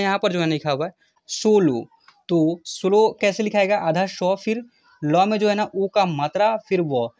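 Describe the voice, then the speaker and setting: A man's voice: high-pitched, a bit bright. A man teaches a lesson, stretching words out as he spells them letter by letter. He keeps asking his students questions and answers them himself. The sound is dry and close, with no room echo. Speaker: English teacher on a video channel. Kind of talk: spoken lesson.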